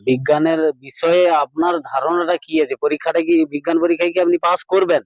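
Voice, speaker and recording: A man playing a parody news anchor, an excitable, mock-earnest TV reporter, wordy and repetitive. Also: fairly high pitch, fast talker, no echo, highs cut off, natural voice. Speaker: host of a parody news show. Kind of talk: parody news anchor, live street interview.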